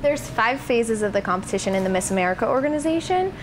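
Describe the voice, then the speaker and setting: A woman's voice: fairly high pitch, expressive, quick pace. A young woman giving poised, explanatory pageant answers in an interview. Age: young adult. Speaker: pageant titleholder being interviewed. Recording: noisy room ambience.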